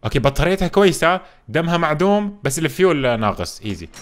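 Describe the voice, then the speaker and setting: A man hosting a gameplay video, commenting in an animated, jokey way and exclaiming often. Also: fairly high pitch, fast talker. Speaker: gaming video host.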